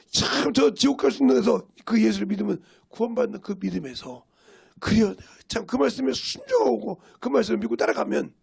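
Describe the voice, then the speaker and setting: A man's voice: sits high, vocal fry, darkish tone, slightly rough. A male pastor preaching a sermon, pressing his points with emphatic rhetorical questions.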